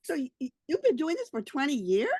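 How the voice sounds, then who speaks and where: Woman interviewer, high pitch, very lively intonation, gushing, excitable, casual chat. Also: a little fast, no room sound, studio quality.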